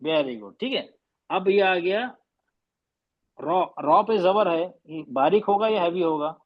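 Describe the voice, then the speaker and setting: A man's voice: sits high, expressive, creaky. Patient male recitation teacher, lo-fi. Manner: patient, slow demonstrating drills. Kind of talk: online tajweed class correction.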